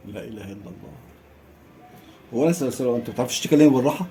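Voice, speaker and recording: A man with an Egyptian accent playing a calm but stubborn husband in a comedy sketch, insisting his wife speak more softly. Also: mid-range voice, very fast. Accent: Egyptian Arabic.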